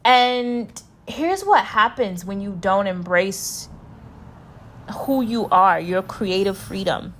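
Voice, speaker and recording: Slow, earnest woman coach. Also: medium pitch, animated, a bit bright, slight background noise. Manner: earnest, slow and emphatic, with pauses and repeated phrases. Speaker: spiritual coach. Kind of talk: reflective personal vlog.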